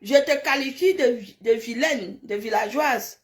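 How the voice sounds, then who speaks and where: Her voice sits on the high side and moves a little slowly as she chats on a live stream and responds to viewers. She grew up in a francophone African village and comes across blunt, scolding, emphatic and repetitive.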